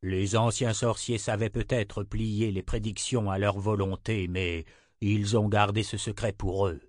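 A man reading a fantasy audiobook voices a grave male prophet who muses slowly and hesitantly. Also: on the low side, steady tone, a little mellow, dry recording, clean studio sound, voice pushed down, close to an everyday voice. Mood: musing.

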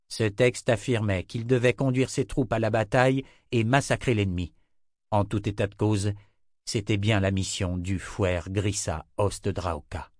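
A man reading a fantasy novel aloud in measured, scripted narration. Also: on the low side, darkish tone, dry recording, studio quality. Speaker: audiobook narrator.

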